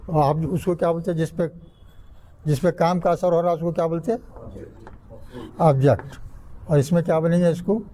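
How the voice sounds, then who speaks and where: A man's voice: on the high side, steady tone, pauses often, warm tone, slight background noise, low-quality recording. An older man from India, teaching a grammar class in a mosque. He quizzes his students and sounds out word patterns syllable by syllable. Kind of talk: classroom lecture.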